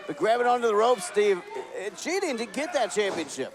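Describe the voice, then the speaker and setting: A man's voice: high voice, very animated, a little fast, crowd noise. Exasperated wrestling play-by-play man. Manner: exasperated, sarcastic with his partner. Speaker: play-by-play commentator. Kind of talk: wrestling commentary.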